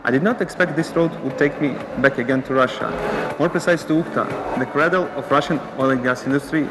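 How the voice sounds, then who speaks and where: A man reading a fluent, brisk testimonial as scripted video narration. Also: mid-range voice, noisy background. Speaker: former scholarship student. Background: music.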